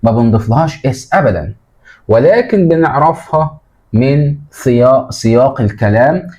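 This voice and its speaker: A man's voice: medium pitch, expressive, normal speed, darkish tone, slightly rough. A man with an Egyptian Arabic accent, an English teacher patiently explaining textbook exercises to children and asking them questions as he goes. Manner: patient, repeats key words and asks the pupils questions.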